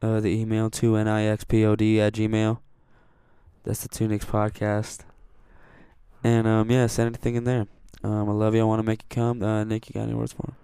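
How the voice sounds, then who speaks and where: A man's voice: on the low side, monotone, brisk, mellow, clean tone, dry recording. Joking young man, dry close mic. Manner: joking, laughs often. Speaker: podcast co-host. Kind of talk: casual chat.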